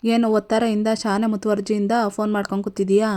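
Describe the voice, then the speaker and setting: A woman's voice: medium pitch, level tone, fast, dark tone, lightly acted. A woman voicing a doting, curious old grandmother in her own plain voice. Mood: fond.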